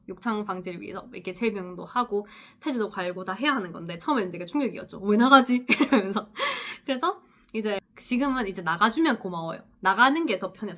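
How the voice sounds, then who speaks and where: A woman's voice: mid-range voice, a bit bright. A woman chats to the camera in a casual vlog about her work as a nurse. She tells long stories, laughs often and acts out the people she quotes. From Busan, South Korea. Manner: chatty storytelling, laughing often, acting out quotes. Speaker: nurse vlogger. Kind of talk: casual talking-head vlog.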